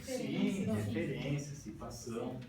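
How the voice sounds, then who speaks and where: A man's voice: mid-range voice, sing-song, takes it slowly, over a noisy crowd. A Brazilian man presents to a group, explaining step by step and often checking in with "tá?". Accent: Brazilian Portuguese. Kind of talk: informal talk with slides. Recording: echoey room, far mic, noisy.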